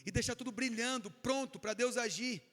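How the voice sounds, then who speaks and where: A male preacher telling a story in a sermon, animated and emotional. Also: extremely high pitch, moderate pace, big-room sound.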